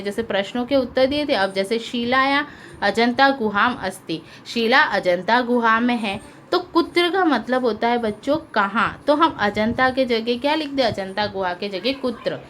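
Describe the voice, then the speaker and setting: A woman's voice: fairly high pitch, fairly bright tone, a little hiss or hum. A woman teaching a school lesson, reading lines aloud, translating each one, and asking her pupils questions as she goes. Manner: patient, asks pupils questions, translates line by line. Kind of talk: explaining a Sanskrit lesson in Hindi.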